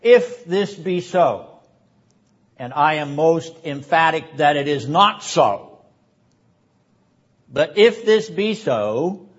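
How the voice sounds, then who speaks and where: A man preaching a Bible lecture in an emphatic, deliberate way with sarcastic asides. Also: a little high. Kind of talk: sermon-style Bible lecture. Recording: dull lo-fi recording.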